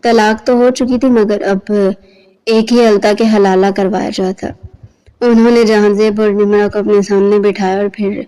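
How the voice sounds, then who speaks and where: A woman narrating a romance novel aloud, steady and storytelling, carrying the characters' dialogue. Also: mid-range voice, smooth, rough recording. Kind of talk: scripted novel reading.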